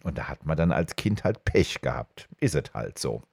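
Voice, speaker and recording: A middle-aged man hosting a podcast, telling stories in a casual chat and jumping high in pitch when he quotes people. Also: moderate pace, creaky, breathy edge, dry recording, studio quality. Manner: animated, jumps high when quoting others. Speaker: podcast host. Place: home studio.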